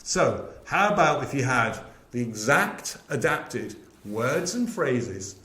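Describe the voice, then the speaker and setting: A man's voice: mid-range voice, big pitch swings, takes it slowly, sharp tone. West country bloke selling his sales course on a webinar, keen, asks lots of questions, bit of room echo. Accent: West Country English. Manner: enthusiastic, chatty, rhetorical questions. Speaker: sales trainer. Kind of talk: webinar presentation.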